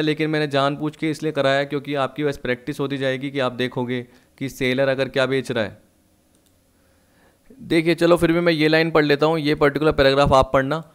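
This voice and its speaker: A man teaching an economics lesson, explaining step by step and slowly reading out textbook lines in English. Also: a little high, smooth. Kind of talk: recorded online lesson.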